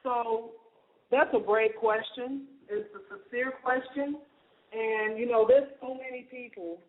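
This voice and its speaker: A man's voice: very high voice, steady tone, unhurried, narrow, tinny audio. A man hosting a radio show, interviewing in a casual, chatty way.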